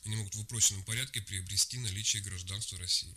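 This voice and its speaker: A man gives formal, bureaucratic answers as a guest in a radio interview. He pauses and hesitates often. His voice sits a little low and sounds very bright and forceful. Faint noise runs behind him. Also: fairly even intonation. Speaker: migration service official.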